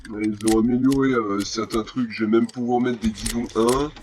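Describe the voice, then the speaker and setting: A man's voice: lowish voice, steady tone, normal speed, a little mellow, a little hiss or hum. A man giving casual, slangy commentary while showing a game he is playing. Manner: informal, slangy.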